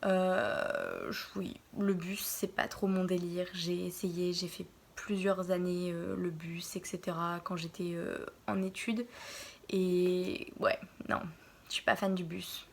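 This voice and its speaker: Woman, early 20s, from Normandy, casual vlog host; low-pitched with a gravelly edge, hesitant delivery. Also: lively intonation, a little hiss or hum. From France, Normandy. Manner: hesitant, pauses often to think. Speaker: vlogger. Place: her bedroom.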